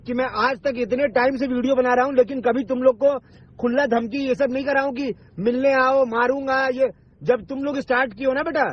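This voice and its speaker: Brisk and husky, with an extremely high pitch held in a steady tone, an online video maker clashes with someone on a phone call. He's confrontational and insistent, curses, and repeats himself, and the call recording is dull and lo-fi.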